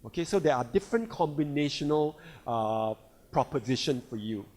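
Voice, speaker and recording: A man's voice: fairly high pitch, lively intonation, normal speed, a little mellow. A man presenting products at a seminar, emphatic, often checking "all right?" and repeating key words. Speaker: sales leader presenting products. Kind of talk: product seminar talk to a live audience. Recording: long hall reverb.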